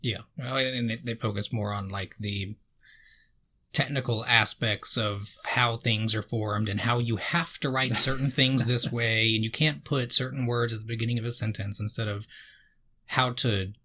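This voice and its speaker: A man's voice: medium pitch, fairly even intonation, moderate pace, bright, forceful tone, husky. A man in his twenties hosting a casual conversation, easygoing and agreeable as an interviewer. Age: 20s. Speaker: host.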